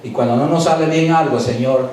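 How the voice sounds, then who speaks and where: A man's voice: mid-range voice, lively intonation, measured pace, darkish tone, a little hiss or hum. A man pastor preaching a sermon with emphatic, repeated phrases, recorded in a church. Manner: preaching with rising emphatic repetition. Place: church sanctuary. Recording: echoey church hall picked up from a distance.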